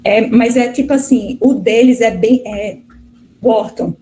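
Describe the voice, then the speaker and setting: Speaking at a measured pace, her voice on the high side and dark in tone, a middle-aged Brazilian guest professor chats her way through interview questions with many fillers and restarts. The recording is rough, with faint background noise.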